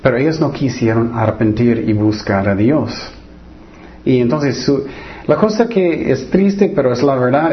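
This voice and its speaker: A man with a medium-pitched voice preaches a sermon and reads from the Bible, often restarting sentences and tossing rhetorical questions at his listeners. He acts out the voices of people in his stories, and the lo-fi recording carries slight background noise.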